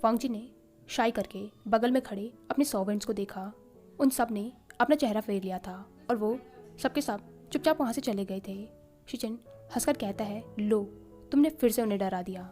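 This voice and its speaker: A woman narrating a fan fiction story aloud in a steady storytelling manner. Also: on the high side, normal speed. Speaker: channel host, story reader. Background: faint background music.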